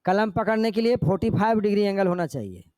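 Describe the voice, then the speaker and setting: A man's voice: sits high, expressive, fast, mellow, no echo, clean studio sound. A male teacher giving a classroom lecture, explaining step by step and often checking in with his students. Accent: Jharkhand Hindi.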